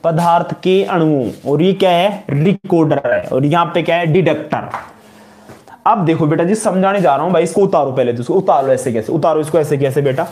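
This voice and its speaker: A man's voice: a little high, brisk, darkish tone. A man with a Rajasthani-tinged Hindi accent teaching a college chemistry class, repeating each term and quizzing his students. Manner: repetitive call-and-response questioning, calls students "beta". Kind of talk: classroom lecture.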